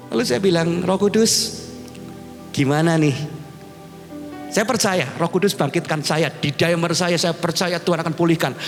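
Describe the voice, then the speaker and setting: A male pastor preaching a sermon to his congregation, animated and addressing them directly. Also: high-pitched. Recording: reverberant hall with music behind.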